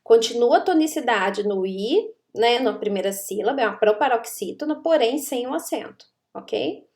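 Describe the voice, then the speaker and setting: A woman's voice: a little high, lively intonation, normal speed, a little mellow. A woman, a grammar teacher who explains rules step by step and checks understanding with rhetorical questions. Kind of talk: explanatory online lesson.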